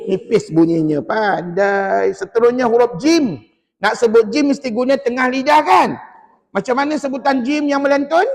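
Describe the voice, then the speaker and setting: The long reverb of a mosque hall surrounds a very high-voiced man speaking at normal speed with a Malaysian Malay accent. He teaches Quran recitation, testing his class with questions and modelling each sound for them to say back.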